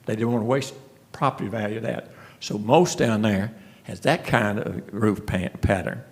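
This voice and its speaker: Man at a town meeting, gravelly, folksy storyteller. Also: fairly low pitch, moderate pace. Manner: folksy storytelling, frequent restarts. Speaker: speaker at a city commission meeting. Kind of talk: casual presentation.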